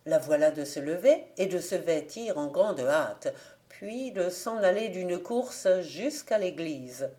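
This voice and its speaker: A woman narrating an audiobook folk tale in a measured, calm storytelling voice. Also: fairly low pitch. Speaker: audiobook reader. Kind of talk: scripted narration.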